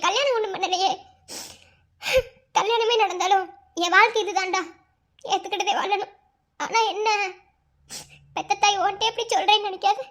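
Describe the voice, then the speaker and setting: ஒரு பெண் பேசும் மனம் உடைந்த மதுரை வட்டார இளம் பெண். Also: female voice, extremely high pitch, fairly bright tone. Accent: Madurai Tamil. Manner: bitter, resigned, weary. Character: sorrowful young village bride forced into engagement. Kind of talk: cartoon voice acting.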